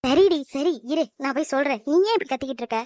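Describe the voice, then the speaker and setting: A fussy middle-aged aunt. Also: female voice, high-pitched, expressive, fast talker, darkish tone, no room sound. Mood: nagging. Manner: nagging, questioning. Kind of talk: animated cartoon dub.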